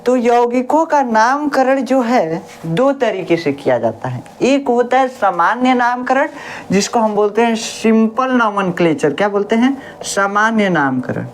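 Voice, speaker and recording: Speaking at a measured pace in a slightly high, expressive voice, a woman teaches science in a warm, conversational classroom style. She often raises questions, supplies the answers herself and goes back over important words.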